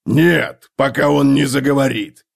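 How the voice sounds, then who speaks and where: Grim, gruff male dwarf read by a man; growls short threats. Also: medium pitch, steady tone, unhurried. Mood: stern. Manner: growling, blunt.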